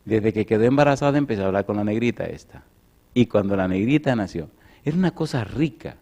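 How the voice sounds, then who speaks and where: Middle-aged male preacher, lowish voice, animated sermon storytelling with loud peaks and quiet asides. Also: quick pace. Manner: animated, swings from loud emphatic lines to soft storytelling.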